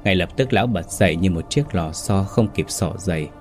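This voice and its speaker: A man with a very low voice narrates a scripted ghost story in a dramatic, measured way. Faint music plays behind his narration. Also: animated.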